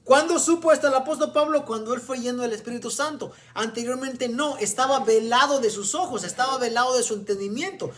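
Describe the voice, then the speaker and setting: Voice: medium pitch, a little fast, few pauses. Preacher explaining scripture, asking "¿verdad?". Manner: often asks the listeners "¿verdad?"; reads scripture aloud and explains it. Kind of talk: sermon with Bible reading.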